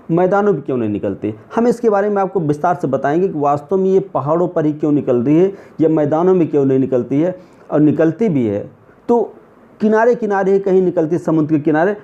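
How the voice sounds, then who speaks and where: A man with a Hindi accent teaching an exam coaching lesson, walking through diagrams step by step. He often poses a question and then answers it himself. His voice sits a little high but sounds mellow and relaxed, and the recording is muffled and lo-fi. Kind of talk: explanatory lesson over diagrams.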